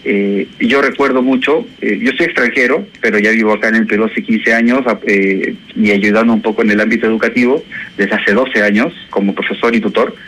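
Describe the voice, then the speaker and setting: This guest on a radio interview is a man from Chile who teaches education, and he sounds thoughtful, hesitant, and full of fillers. His voice is fairly low and a bit bright, with a steady tone and a fairly quick pace. Faint noise runs under the low-quality broadcast.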